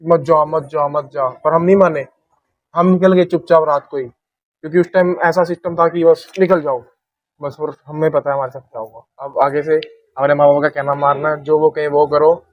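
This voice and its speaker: A man's voice: a little high, moderate pace, no room sound, dull audio. A man recounting a frightening ghost experience in casual storytelling, imitating sounds as he talks. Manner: animated retelling with sound imitations. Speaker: podcast guest.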